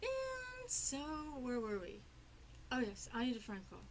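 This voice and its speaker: A woman's voice: a little high, wildly swooping pitch, unhurried, noisy background. A woman hosting a casual interview on a local TV show, rambling with many fillers and restarts. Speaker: TV talk show host. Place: public access TV studio.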